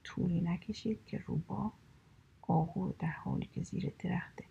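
A woman narrating a children's fable in a slow, hushed whisper. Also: lowish voice, steady tone, gravelly, slightly rough, lo-fi sound. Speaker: storyteller. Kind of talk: whispered story reading.

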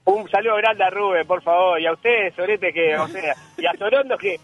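A man calls into a radio show, his voice very high. The tone is bright. He speaks with excited, grateful energy. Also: brisk. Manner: excited, thankful. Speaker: contest winner on the line. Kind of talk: casual call-in chat.

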